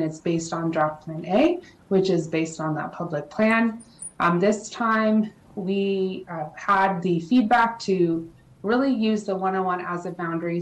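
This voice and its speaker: A woman consultant giving a formal presentation to a city council, explaining plans in a measured way with frequent ums and uhs. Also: on the low side. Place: council chamber. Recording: echoey chamber audio.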